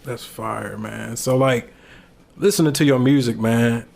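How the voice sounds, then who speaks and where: Speaking into a boom-arm desk mic in a small studio with a backdrop, this Ohio host, thirty years old, keeps his podcast chat relaxed and full of slang while talking up his guest. His voice sits mid-range, creaky and darkish, steady in tone and unhurried.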